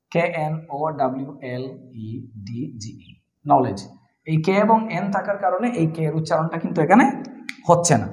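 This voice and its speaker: High-voiced man teaching English in Bengali. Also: reverberant, poor audio. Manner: explains step by step, spells words letter by letter. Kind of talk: spoken English lesson.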